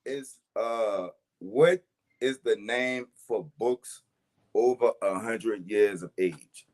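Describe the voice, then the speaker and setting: A man's voice: lowish voice, takes it slowly, darkish tone. A man with a New Orleans accent hosting a podcast, joking and laughing often in casual chat. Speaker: podcast host.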